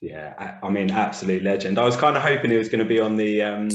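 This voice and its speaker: A British man with a low voice hosts a casual interview, asking loose, chatty questions. His voice carries an echoey room sound. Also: fast talker. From United Kingdom. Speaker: interview host.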